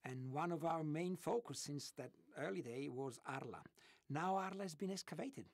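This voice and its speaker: This guest on an interview show is an Italian remote sensing archaeology expert who speaks with an Italian accent. His fairly high voice moves at a moderate pace in a dry, studio-quality recording, and his answers are eager and digressive, frequently broken up by laughter.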